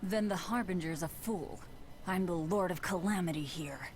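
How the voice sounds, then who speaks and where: A woman's voice: fairly low pitch, moderate pace, faint music behind, close to an everyday voice. A woman playing a stern, defiant demon lord in a video game, with a blunt, resolute delivery. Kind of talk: scripted video game acting.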